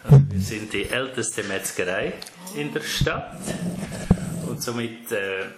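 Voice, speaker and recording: A man's voice: on the low side, animated, unhurried. A man with a Swiss German accent, a butcher who owns his shop, chatting easily in an interview and laughing often. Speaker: butcher, fourth-generation shop owner. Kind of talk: casual interview answers. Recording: echoey room with faint noise.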